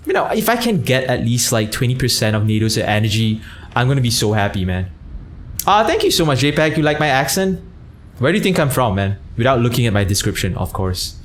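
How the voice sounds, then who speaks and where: Young malaysian guy streaming, chatty and rambling, voice bounces up and down a lot, faint background noise. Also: medium pitch. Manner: rambling, chatty, thanks viewers by name. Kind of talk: casual livestream chat.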